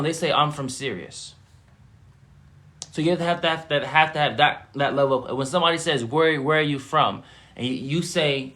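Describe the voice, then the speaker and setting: Emphatic man, fairly high voice. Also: fairly bright tone. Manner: repetitive, emphatic preaching with rising bursts. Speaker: spiritual teacher. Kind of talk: live-streamed spiritual teaching.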